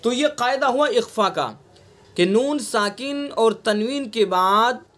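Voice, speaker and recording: A man with a Delhi Urdu accent teaching Quran recitation rules in an online class, patiently explaining and repeating examples with drawn-out nasal sounds. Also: extremely high pitch, a bit bright. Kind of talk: online tajweed lesson. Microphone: online class recording.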